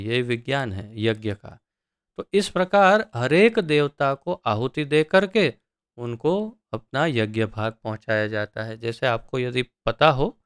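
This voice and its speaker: A man teaching scripture verse by verse, chanting each line slowly and then explaining it word by word with thinking pauses. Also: medium pitch, gravelly, a bit bright, smooth, no echo, studio quality.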